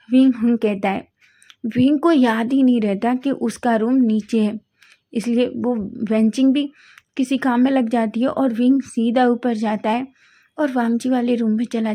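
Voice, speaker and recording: Mellow-voiced woman reading a story. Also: fairly high pitch. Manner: plain storytelling with self-corrections. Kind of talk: reading a fan fiction story aloud.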